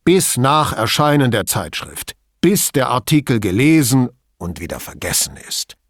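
A man's voice: medium pitch, big pitch swings, measured pace, no echo, studio quality. A man voicing a pompous, agitated male police chief who talks emphatically and indignantly in an audiobook.

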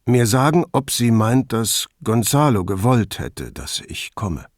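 A man voicing an older male count, grieving and halting, quick to flare up. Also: medium pitch, sing-song, dry recording, clean studio sound. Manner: halting, heavy with grief.

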